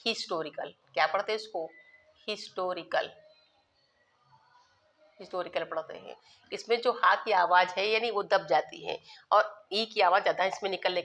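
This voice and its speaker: A woman's voice: mid-range voice, fairly bright tone. A woman teacher giving a grammar lesson, repeating key words and asking her students questions that she then answers herself. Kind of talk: classroom grammar lesson in Hindi, with English terms.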